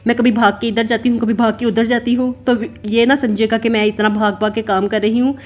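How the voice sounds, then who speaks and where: Recorded separately as a voice-over, a thirtyish woman from Pakistan talks loosely through her cooking and routine vlog as a mom. Her pitch is on the high side, her tone steady, her pace a little fast. She chats and wanders, with frequent "na" fillers.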